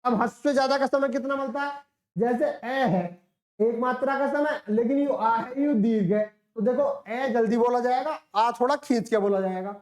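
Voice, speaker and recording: A woman's voice: fairly high pitch, normal speed, darkish tone, reverberant. A woman teacher giving a lecture, explaining step by step, asking questions and answering them herself, and drawing out sounds to demonstrate them. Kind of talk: classroom lecture.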